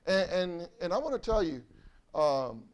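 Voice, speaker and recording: High-voiced pastor preaching conversationally. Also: male voice, very animated, measured pace. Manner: conversational, repetitive, emotional preaching. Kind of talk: sermon. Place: church sanctuary.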